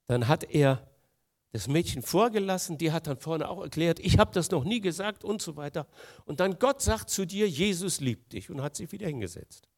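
Male preacher, slightly high voice, earnest, shifts from hushed to emphatic. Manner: earnest, swings between soft and emphatic. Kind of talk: sermon.

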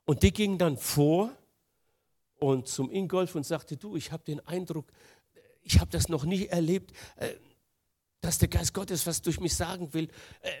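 A man preaching a sermon, earnest, moving between quiet, soft passages and emphatic, louder lines. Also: fairly high pitch, unhurried, breathy edge.

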